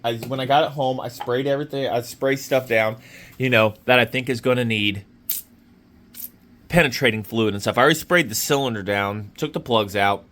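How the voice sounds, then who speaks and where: Walking around an old bike in his home garage, this vlogger rambles casually, stumbling over fillers and starting sentences over. A sore throat leaves his medium-pitched, slightly bright voice a bit off, and he keeps a moderate pace.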